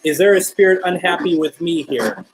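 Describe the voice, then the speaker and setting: A man's voice: a little high, normal speed, background noise. A man hosting a live paranormal session, chatting casually and putting questions to spirits and viewers. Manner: conversational, addressing unseen listeners with questions. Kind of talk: casual live-stream chat, calling out to spirits.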